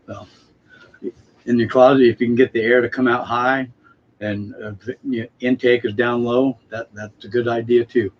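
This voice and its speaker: A man's voice: mid-range voice, flat delivery, normal speed. A man chatting casually and ramblingly in a folksy way as co-host of a live stream about home growing. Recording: muffled, noisy live-stream audio.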